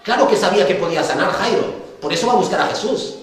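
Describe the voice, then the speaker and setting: A man's voice: high-pitched, expressive, fast. A male pastor with a Spain Spanish accent giving a sermon in a conversational way, often ending phrases with tag questions. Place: church hall. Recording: echoey church hall, distant mic, faint noise.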